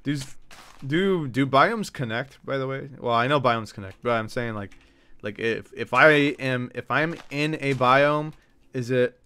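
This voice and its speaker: A young man casually chatting and swearing while live-streaming a video game, griping about his runs and telling stories in an animated way. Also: medium pitch, unhurried, smooth. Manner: swears a lot, frustrated and animated storytelling.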